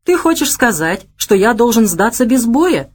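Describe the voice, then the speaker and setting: A woman voicing a tough male fighter who talks in an earnest, deadpan way. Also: mid-range voice, moderate pace, pitched above the performer's own voice.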